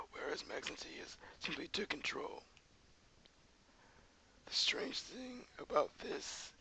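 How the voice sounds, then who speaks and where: A man's voice: on the high side, sharp tone, full character voice, low-quality recording. A young man putting on the voice of a rambling old man who says he lived through ancient history, presenting a school project. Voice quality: creaky whispery old-man voice. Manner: wandering, folksy storytelling.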